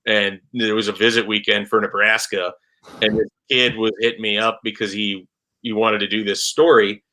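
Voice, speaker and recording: A man with a bright, forward voice chats loosely about sports as a guest reporter. He rambles in a relaxed, conversational way, filling gaps with frequent "like"s. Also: on the low side, moderate pace. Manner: chatty, rambling with frequent "like" fillers. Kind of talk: casual podcast conversation.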